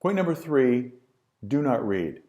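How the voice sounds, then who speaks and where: A middle-aged man teaching a class on presentation skills, emphatic and repetitive, with lively swings in his voice. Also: mid-range voice, unhurried. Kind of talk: lecture to students.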